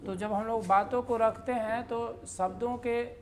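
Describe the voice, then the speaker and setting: Slow, patient woman teaching grammar. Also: a little high, fairly even intonation, slight background noise. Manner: slow, explanatory, with many fillers and repeated example phrases. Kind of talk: lecture.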